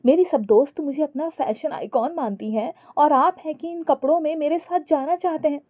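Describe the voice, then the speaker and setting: A woman's voice: sits high, normal speed, mellow, pitched above the performer's own voice, close to an everyday voice. A woman voicing a bossy, fashion-obsessed young wife who talks insistently and dramatically in a storybook.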